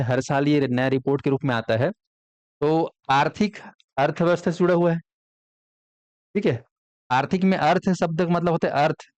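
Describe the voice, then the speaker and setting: Male coaching teacher, slightly high voice, dry close sound, quizzing the class as he goes. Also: dry recording. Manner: quizzes students with frequent call-and-response questions. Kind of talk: classroom lecture.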